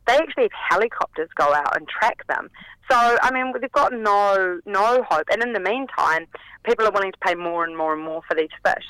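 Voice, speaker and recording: A New Zealand woman, croaky with a cold, phoning in to a radio show to explain things in a casual, chatty way. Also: on the low side, a bit bright, dry recording. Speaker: radio segment contributor. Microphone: telephone. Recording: tinny phone line.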